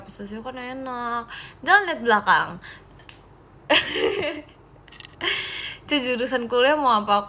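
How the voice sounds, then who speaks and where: Reading live-stream comments aloud, a young woman chats and teases her viewers in a playful, giggly way, calling them "guys." Her voice is fairly high with a fairly bright tone.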